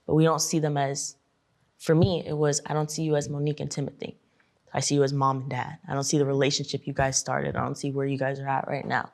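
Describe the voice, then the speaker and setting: A young woman talking with her mother about family and divorce, earnest and open, often rushing and then slowing down. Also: rumbling low, level tone, vocal fry, darkish tone. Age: young adult. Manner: earnest, speeds up then slows down. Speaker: podcast host, daughter. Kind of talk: emotional family conversation.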